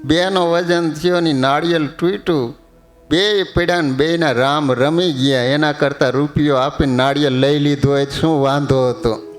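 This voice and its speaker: Male preacher, high voice, storytelling sermon, faint music behind. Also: steady tone. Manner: storytelling, quotes verses in slow chant. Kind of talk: sermon with humorous stories.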